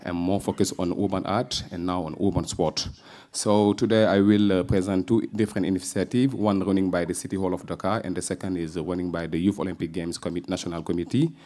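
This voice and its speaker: A low-voiced man from Senegal presents at a conference in a Senegalese accent. His tone is dark and relaxed. He moves haltingly, repeating words as he goes. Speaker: city adviser presenting at an event.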